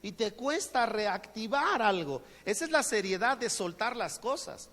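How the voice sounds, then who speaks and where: High-voiced Mexican pastor in a reverberant hall. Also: male voice, sing-song, unhurried, a bit bright. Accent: Mexican Spanish. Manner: jokey, acts out everyday exchanges. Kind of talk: sermon.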